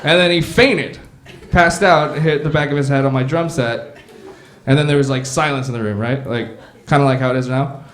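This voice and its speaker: A man's voice: mid-range voice, steady tone, normal speed, a bit bright. Man doing stand-up in an echoey club. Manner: laid-back, profane storytelling. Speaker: stand-up comedian. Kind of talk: stand-up comedy set. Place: comedy club main room on stage. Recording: reverberant club room.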